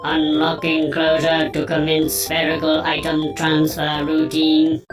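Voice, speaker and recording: A man's voice: a little high, big pitch swings, measured pace. An actor playing a hulking iron wild man who speaks like a glitching robot, in clipped mechanical phrases broken by beeps and error calls. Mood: cold, mechanical. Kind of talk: video game voice acting. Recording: echoey distant game audio with music behind.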